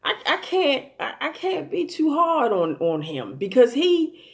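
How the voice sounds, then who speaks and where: A woman's voice: high-pitched, sing-song, unhurried. Woman recapping a tv episode, rambling, lots of ums and you knows, blunt and amused, cusses a lot. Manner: rambling and profane, with many fillers and restarts. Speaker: TV show commentator. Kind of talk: casual recap commentary.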